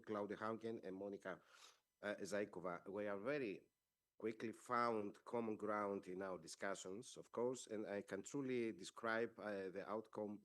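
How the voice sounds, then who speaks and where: Low-voiced Greek man, formal and hesitant. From Greece. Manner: measured, formal, with frequent hesitations. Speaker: parliamentary delegation head. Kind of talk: formal press conference statement. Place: press conference.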